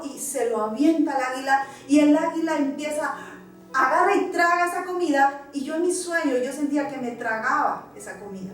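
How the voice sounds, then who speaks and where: Woman pastor, high voice, heartfelt sermon, echoey hall, soft music behind. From Peru. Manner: emotional testimony, addressing the congregation. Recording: echoey church hall, distant mic, faint music.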